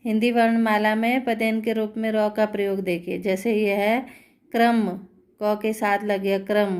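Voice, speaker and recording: A woman's voice: mid-range voice, darkish tone, clear, resonant tone. A woman teaching Hindi grammar, explaining patiently and checking understanding with rhetorical questions. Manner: patient, repeating words slowly and asking rhetorical checks. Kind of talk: classroom-style explanation.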